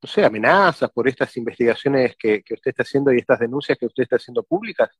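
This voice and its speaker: A male interviewer puts questions quickly and adds short affirming words. His voice is slightly husky and the sound is dry. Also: mid-range voice, lively intonation, no room sound. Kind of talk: conversational interview.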